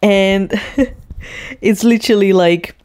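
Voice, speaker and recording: A woman's voice: mid-range voice, steady tone, slow pace, a little mellow. A woman casually retelling a TV scene, chatty and full of fillers. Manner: chatty, heavy use of fillers. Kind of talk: casual storytelling.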